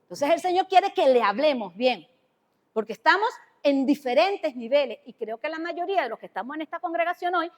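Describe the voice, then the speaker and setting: A woman with a Venezuelan Spanish accent delivers a sermon in a church hall, chatting with her congregation and asking them questions amid long reverb. Her voice sits high, with lively intonation and a brisk pace.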